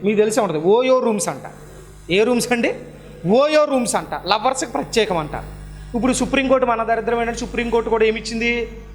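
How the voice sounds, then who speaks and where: A high-voiced man delivers a sermon. He keeps throwing rhetorical questions at the congregation, lifting to loud emphatic peaks on key words and then sinking to low, quiet asides. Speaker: preacher.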